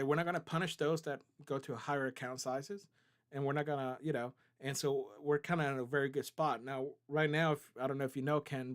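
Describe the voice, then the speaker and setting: A man at an ordinary pitch, talking viewers through their questions on a live stream. His delivery is loose and chatty, full of "you know" and restarts, and he keeps checking in with "right?" and "okay?". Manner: conversational and explanatory, with tag questions like "right?" and "okay?"; loose, with many fillers and restarts. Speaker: trading company CEO hosting a live stream. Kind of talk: live-stream Q&A answering chat.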